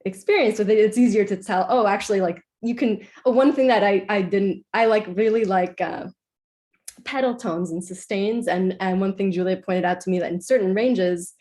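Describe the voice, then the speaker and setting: A woman's voice: mid-range voice, moderate pace, darkish tone. A young woman from Iceland, a composer answering interview questions in a casual, chatty way, full of "like"s and self-corrections.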